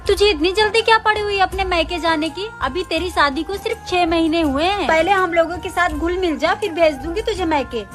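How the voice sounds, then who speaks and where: A woman's voice: very high-pitched, fairly quick, hardly any pauses, music in the background. A woman playing a bossy, teasing mother-in-law.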